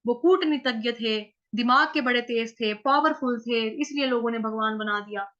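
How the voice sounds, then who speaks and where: A woman from North India leads an online chanting lesson, breaking words into syllables and stretching them out as she chants. Her voice sits high and sounds bright and sharp. The call audio is muffled and lo-fi. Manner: explains pronunciation syllable by syllable, chants words slowly. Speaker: chanting teacher. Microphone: video call.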